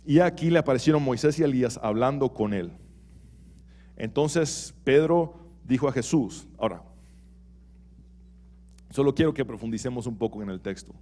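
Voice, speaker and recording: A man preaching a sermon in a church as pastor, animated, swinging between loud and soft and asking rhetorical questions. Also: medium pitch, normal speed, pauses often.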